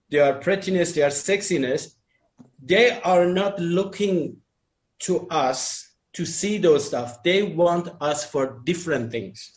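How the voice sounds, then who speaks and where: Brief: man, fairly high voice, talks at length on a call, loose and rambling. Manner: rambling, restarts, non-native phrasing. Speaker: dating talk panelist. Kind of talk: casual group chat, opinionated.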